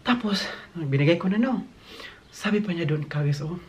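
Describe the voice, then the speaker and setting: A man's voice: on the high side, lively intonation, normal speed, a little mellow. A man from the Philippines who works in a hotel, chatting casually to his phone camera and acting out what guests said. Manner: chatty, mixes English into Tagalog, acts out quotes. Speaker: hotel worker vlogger. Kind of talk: casual vlog chat. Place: hotel, indoors.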